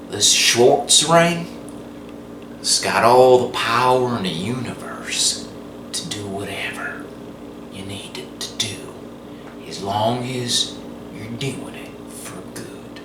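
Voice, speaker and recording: A man voicing a tiny green furry male creature with a solemn tone, recorded from a distance in a roomy space with loud ambient noise. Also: mid-range voice, slow, voice pushed down, lightly acted.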